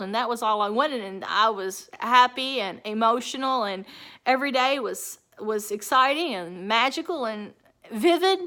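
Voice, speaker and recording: A woman in her fifties speaking in a halting, emotional personal monologue, often restarting her sentences. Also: fairly high pitch, pushed and bright. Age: 50s.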